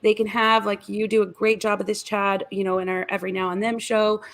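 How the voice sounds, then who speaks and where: A woman co-hosting a casual video-call chat, talkative and quick to laugh, with rambling asides. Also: medium pitch, little pitch movement, fairly bright tone. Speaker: podcast co-host.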